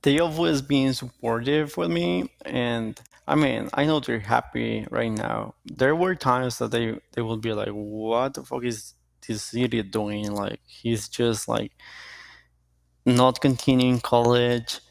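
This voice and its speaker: Gravelly-voiced young man in a dry interview. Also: mid-range voice, no room sound. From Costa Rica. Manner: relaxed, halting, with restarts. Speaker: jiu-jitsu athlete, guest. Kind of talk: casual interview answers.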